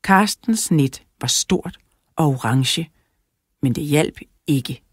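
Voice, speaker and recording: A woman narrating a children's audiobook in a clear, even storytelling manner, close to the mic. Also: low-pitched, no room sound. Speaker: audiobook reader.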